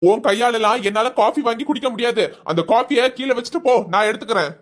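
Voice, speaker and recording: A woman's voice: fairly high pitch, fast, noisy background, lightly acted. A woman voicing a harsh, contemptuous husband in a cartoon who scolds his wife scornfully. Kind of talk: cartoon voice acting.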